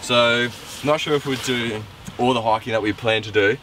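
A man's voice: mid-range voice, steady tone, normal speed, sharp tone. A young man from Tasmania talking casually to his camera at arm's length while hiking outdoors, enthusiastic and rambling with ums. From Tasmania, Australia. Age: young adult. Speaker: vlogger. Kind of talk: casual vlog narration. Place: outdoors on a wet, windy mountain. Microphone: handheld camera held at arm's length. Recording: outdoor vlog with noticeable background noise.

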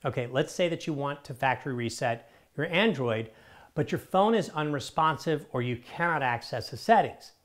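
A middle-aged man walks viewers through a phone tutorial in a friendly, conversational way. His pitch sits in the ordinary middle range for a man. He is recorded on a lapel mic in a studio. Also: lively intonation, normal speed, a bit bright. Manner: upbeat, direct, conversational. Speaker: tech tips host. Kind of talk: scripted tech how-to presentation. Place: in front of a studio screen wall, indoors.

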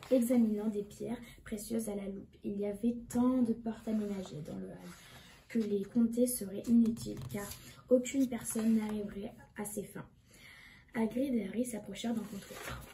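Femme hésitante qui résume un roman. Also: female voice, mid-range voice, steady tone, dark tone. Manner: halting, many restarts and fillers. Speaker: reader summarizing a novel. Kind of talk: casual audiobook summary. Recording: echoey room with background noise.

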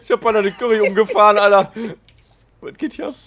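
A man chatting casually while playing a team shooter game, jokey with loud outbursts. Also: high-pitched, fairly even intonation, fast talker, crowd noise. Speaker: gamer. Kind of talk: casual gaming chat.

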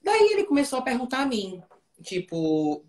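A woman's voice: a little high, huge pitch swings, normal speed, a little mellow. A woman guest in an interview, casually telling a story with fillers and frequent check-ins like asking if the listener follows. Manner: tells it vividly, often checking in with "entendeu?". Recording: roomy echo.

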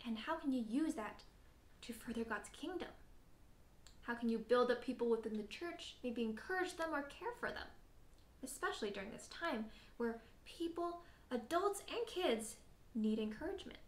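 High-voiced woman leading children's worship. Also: animated, normal speed, echoey room. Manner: gentle, speaks directly to children with questions. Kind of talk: children's lesson and prayer.

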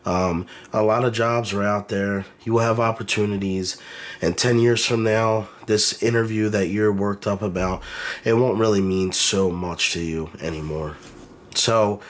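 A man with a congested, nasal sound from a cold, giving casual, encouraging career advice straight to camera, with frequent ums and uhs. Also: fairly low pitch.

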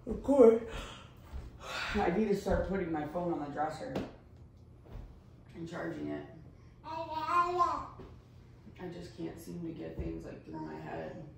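This woman in her thirties has a fairly low voice with vocal fry, huge pitch swings, and a slow delivery broken by long pauses. She's casually vlogging to camera from her small apartment's bedroom and kitchen, frank and chatty, full of "like" and "guys." The camera a few steps away picks up an echoey, far-off room and background noise.

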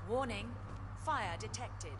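A woman voicing an automated facility alarm system in a video game, giving computerized overheating warnings over a public-address loudspeaker. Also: fairly high pitch, takes it slowly. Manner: flat computerized warning announcements about an overheating core. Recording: long reverb and clear background noise.

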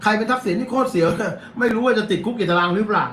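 A man's voice: high-pitched, rapid-fire, a bit bright, roomy sound, slight background noise. A man with a Thai accent, a lawyer hosting a casual live commentary show. He talks bluntly and coarsely, reads headlines aloud and fills gaps with lots of fillers.

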